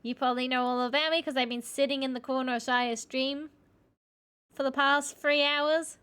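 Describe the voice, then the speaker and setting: A woman's voice: sits high, fairly even intonation, normal speed, a bit bright, clear, resonant tone. An Australian woman livestreaming in a cute, bubbly manner, chatting casually as she greets her viewers. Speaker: livestreamer, VTuber. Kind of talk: casual livestream game chat. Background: music.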